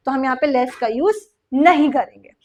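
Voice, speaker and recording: A woman teaching an exam-prep English grammar lesson. Her voice sits high, and she works through each rule step by step. She slows down to spell out example sentences and keeps checking that her students are following. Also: darkish tone. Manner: checks in often with the class.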